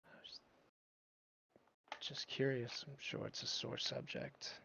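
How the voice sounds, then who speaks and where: A curious, courteous gnome adventurer with a gravelly, crackly voice and an unhurried, formal way of speaking, as a man puts him on at a tabletop game. The mic sound is a little dull. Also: medium pitch, sing-song, pushed and bright, heavily acted. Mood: earnest, admiring. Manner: formal, earnest.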